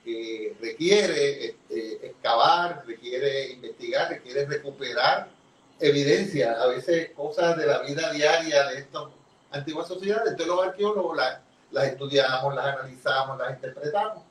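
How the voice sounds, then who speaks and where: A man with a Puerto Rican accent, an archaeologist guest, explaining in a measured, lecturing way during a conversational interview. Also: medium pitch. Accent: Puerto Rican Spanish. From Puerto Rico. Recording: roomy, distant mic with faint noise.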